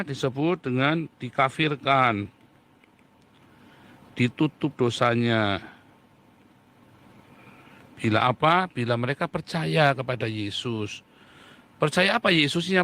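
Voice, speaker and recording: A man's voice: medium pitch, fairly bright tone. Middle-aged guy preaching, reads verses, lots of sarcastic questions. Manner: rhetorical questions, mocking imitations in a raised voice; reads scripture aloud. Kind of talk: sermon-style Bible teaching.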